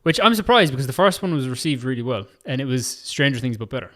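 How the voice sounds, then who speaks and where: A man's voice: mid-range voice, big pitch swings, sharp tone. A man co-hosting a podcast, running through entertainment news in casual, chatty talk full of "like". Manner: chatty, quick news roundup with frequent "like" and laughs. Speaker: podcast co-host. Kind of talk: casual chat.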